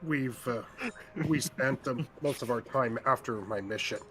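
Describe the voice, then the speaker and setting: A man playing a dutiful soldier in a tabletop game, reporting formally and haltingly to a superior. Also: mid-range voice, background noise, lightly acted. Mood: dutiful, hesitant.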